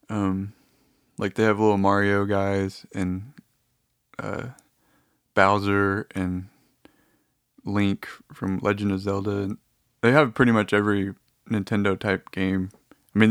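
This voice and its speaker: Low-voiced man rambling casually. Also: fairly bright tone, smooth, dry recording, clean studio sound. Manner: meandering, easygoing storytelling.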